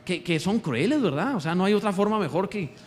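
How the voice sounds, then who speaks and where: A pastor with a high voice delivers a sermon in a church. He moves from loud exclamations to slow, low emphasis and keeps asking his listeners questions. Faint room noise sits behind him. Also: lively intonation. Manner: asks the congregation rhetorical questions.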